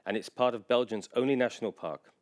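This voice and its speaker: A man giving a measured, informative conference presentation as a general manager, pausing often on fillers. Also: mid-range voice, darkish tone. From England.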